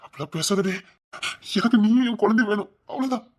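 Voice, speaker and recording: A man's voice: sits high, expressive, fairly quick, noisy background. An actor playing a remorseful young husband with a Tirunelveli Tamil accent, who pleads with his wife and keeps repeating his apologies. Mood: pleading. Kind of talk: TV serial acting.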